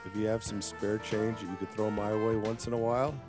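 A man's voice: lowish voice, level tone, brisk, over music. A man hosting a podcast in a casual, conversational way, making announcements to his listeners. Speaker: podcast host.

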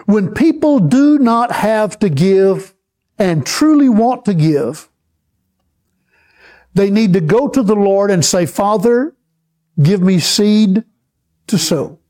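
A man preaching a sermon, teaching slowly and checking in with the congregation as he goes. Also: high-pitched, animated, warm tone. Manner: slow, repetitive, checks in with the congregation. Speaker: pastor.

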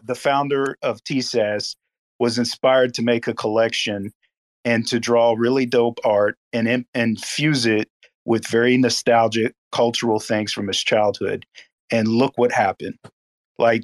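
A man with a mid-pitched voice talks casually in a group audio chat. He sounds reflective and admiring. The recording is dry and close. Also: no echo. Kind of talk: casual talk in an online audio space.

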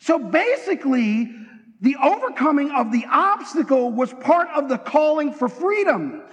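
Male pastor, very high voice, excitable fast preaching, long church reverb. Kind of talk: energetic sermon. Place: church sanctuary.

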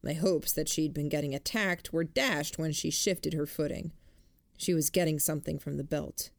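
A woman narrating first-person fiction for an audiobook in a measured, even way. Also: low-pitched, creaky, no echo, studio quality.

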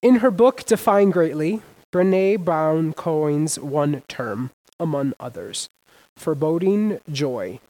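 A man preaching a sermon as pastor, emphatic and casual, with sudden loud rises and everyday slang. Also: on the high side, expressive, takes it slowly, poor audio.

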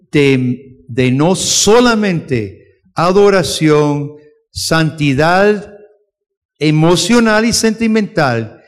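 A man with a high voice teaches a church class and fields questions, speaking with earnest conviction and frequent restarts. His voice carries a long reverb from a large hall. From United States. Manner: earnest, rises to forceful urgency when preaching; halting restarts and fillers. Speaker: missionary teacher.

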